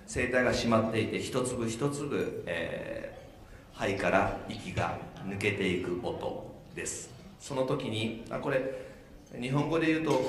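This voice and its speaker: A man's voice: medium pitch, a little hiss or hum. A man from Kumamoto, a vocal coach explaining and demonstrating singing sounds live on stage at a dinner show. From Kumamoto, Kyushu, Japan. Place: hotel banquet hall. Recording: echoey banquet hall.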